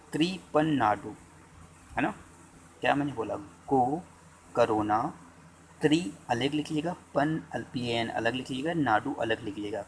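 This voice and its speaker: A male teacher gives an exam-prep lecture, repeating phrases and dictating them slowly for students to note. His pitch sits in an ordinary middle range. A faint noise runs under the recording. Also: low-quality recording.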